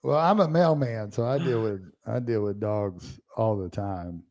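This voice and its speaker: A man with a dark, mellow voice, talking loosely in a relaxed podcast chat. He rambles through his stories, full of slang and easy asides. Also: lowish voice, unhurried. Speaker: podcast co-host. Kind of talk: casual chat.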